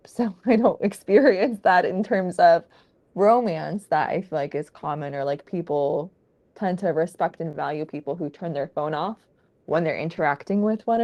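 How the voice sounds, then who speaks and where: A woman's voice: deep voice, normal speed, darkish tone, muffled recording. A woman co-hosting a podcast, talking earnestly and at length about her feelings in a casual chat. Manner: earnest, heartfelt, rambling. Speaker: podcast co-host.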